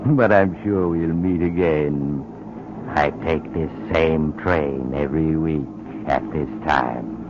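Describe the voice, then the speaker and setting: The Mysterious Traveler, deep and sinister. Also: male voice, slow pace, dull audio. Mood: ominous. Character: sinister, suave male train traveler. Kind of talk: 1940s radio acting. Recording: noisy old radio broadcast.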